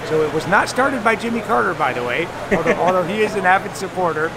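A man's voice: high-pitched, expressive, quick pace. An older man, a volunteer, chatting in an upbeat, explanatory way at a booth in a busy show hall. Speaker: volunteer promoting a charity build program. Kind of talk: casual interview explanation. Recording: loud crowd noise behind.

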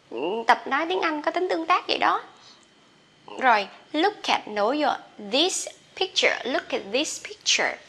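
A woman with a Southern Vietnamese accent teaching English pronunciation, chatting quickly in her explanations and slowing right down to model example sentences clearly. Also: high-pitched, fairly bright tone, a little hiss or hum. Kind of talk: pronunciation lesson.

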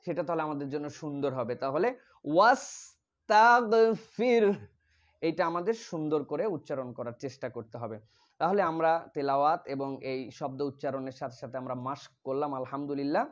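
A man teaching Quran pronunciation and tafsir, drawing out Arabic words loudly, then explaining more quietly. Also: a little high.

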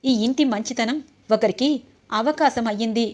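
A woman's voice: fairly high pitch, moderate pace, a little mellow, close to an everyday voice. A woman reading the lines of an angry, defiant young man who has been drinking.

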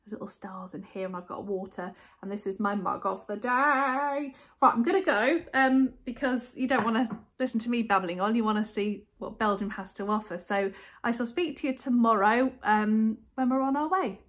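A woman's voice: fairly high pitch, normal speed, hardly any pauses. A woman in her forties, from England, chatting in a casual vlog and gushing over what she shows, filmed on a phone at arm's length. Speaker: vlogger. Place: indoors at home, in a car, walking through a rental house. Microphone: phone camera held at arm's length.

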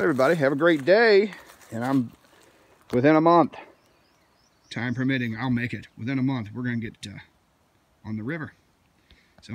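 A middle-aged Missouri man with a medium-pitched voice walks around outdoors in the rural woods holding his phone camera, showing off his canoe rack. His off-the-cuff vlog rambles along in a proud, folksy way.

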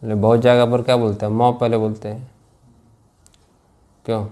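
A man teaching Sanskrit grammar to a class. He speaks slowly, repeats key phrases and keeps asking his students whether they follow. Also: medium pitch, level tone, mellow. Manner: slow and repetitive, drills phrases and checks understanding. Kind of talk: classroom lecture with questions to students.

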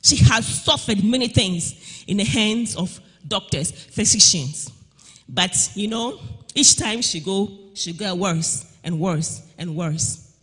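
A man with a very high, husky voice preaches an impassioned sermon. His delivery swings from hushed asides to shouted, sing-song declarations, with lively pitch movement. The church sanctuary around him leaves a long reverb on every line. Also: takes it slowly.

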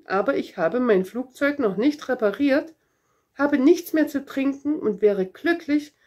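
A stranded, thirsty pilot, read aloud by a woman in a storybook, sounding weary and worried. His slow words rise and fall with lively pitch.

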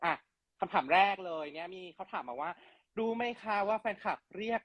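A man's voice: sits high, brisk, no echo, lo-fi sound. A man hosting an interview, chatting and teasing as he reads out fan questions. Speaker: interviewer host. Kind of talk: casual interview.

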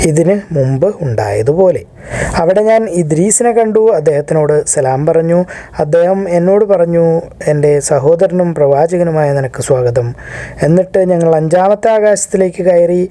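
A man's voice: on the high side, warm tone, no room sound. A man reading scripture translations aloud and stopping to explain them in his own words, restating points more simply as he goes. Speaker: religious teacher translating hadith. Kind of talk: reading a translation with spoken commentary.

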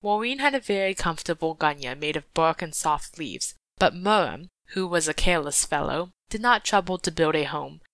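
A woman reading a folk tale aloud in a steady, measured way. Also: low-pitched, no echo. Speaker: audiobook reader. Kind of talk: storybook narration.

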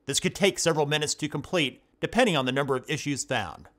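A man hosting a computer help tutorial, reading scripted step-by-step instructions in a steady voice-over. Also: a little high, fast. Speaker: tech tutorial host. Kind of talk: scripted screen-recording voice-over.

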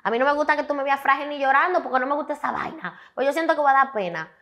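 A young woman with a Dominican Spanish accent, a guest telling her story in a candid, emphatic, animated way. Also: high-pitched, very fast. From Dominican Republic. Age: young adult. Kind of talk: candid interview talk.

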